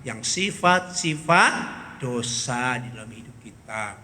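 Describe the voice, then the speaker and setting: A man's voice: medium pitch, expressive, slow, sharp tone. A man giving a children's Sunday school sermon, quizzing the kids and tagging his lines with "ya". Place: church hall. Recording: long hall reverb.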